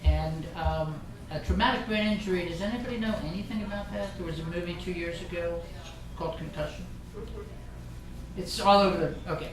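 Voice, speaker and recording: A middle-aged Irish man, appearing as a guest speaker, gives a casual, joking talk to a live group, rambling and restarting often. His voice is high-pitched and a little fast, with a crowd audible behind him. The noisy recording comes from a roomy meeting room through a distant mic.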